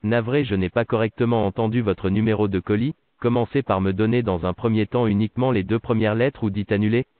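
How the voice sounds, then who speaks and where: A synthetic male voice as a low-toned automated phone robot. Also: a little fast, few pauses, no room sound. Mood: polite. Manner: polite, even, formulaic. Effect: synthetic text-to-speech voice. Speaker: virtual customer service agent. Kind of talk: scripted automated phone prompts. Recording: tinny dry phone line.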